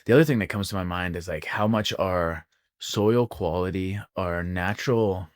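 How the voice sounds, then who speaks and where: A man co-hosting a health podcast, explaining his views at length in a measured, casual way. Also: sits low, dry recording, clean studio sound. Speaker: podcast co-host.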